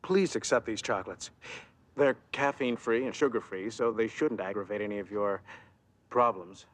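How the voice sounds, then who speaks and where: A man's voice: lowish voice, moderate pace, lightly acted. A man playing a meek, earnest suitor. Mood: timid. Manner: timid, earnest and apologetic. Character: meek, devoted young man courting a woman. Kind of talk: TV sketch comedy acting.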